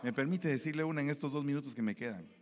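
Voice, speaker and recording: A man's voice: medium pitch, racing, a little mellow. A man preaching a sermon, exclamatory and jokey, often laughing. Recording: church sermon with long hall reverb.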